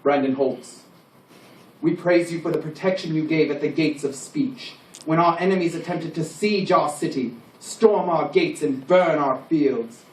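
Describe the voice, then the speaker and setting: A man's voice: on the high side, measured pace, lightly acted. Man playing a grand medieval king, roomy sound. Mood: solemn praise. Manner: grand, formal, declamatory. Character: solemn, proud medieval king knighting his men. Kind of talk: ceremonial scripted speech. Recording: roomy, distant microphone, faint background noise.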